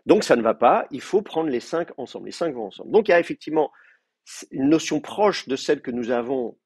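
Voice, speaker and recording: Male lecturer, slightly raspy, mid pitch, recorded dry; explains step by step with many fillers. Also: lively intonation, brisk, darkish tone, no echo. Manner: thinking aloud with many hesitations; explains terms patiently, writing them out for the class. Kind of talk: university lecture. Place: classroom.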